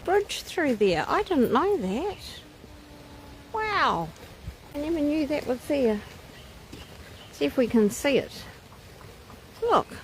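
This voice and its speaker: Woman rambling casually on a nature walk, really unhurried, kinda awed, bit of outdoor noise and birds behind her. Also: high-pitched, sing-song, low-quality recording. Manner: unhurried, musing, with exclamations of wonder. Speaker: vlogger leading a nature walk. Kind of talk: casual live walking commentary. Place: outdoors on a wooded walking trail. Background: nature ambience with birds.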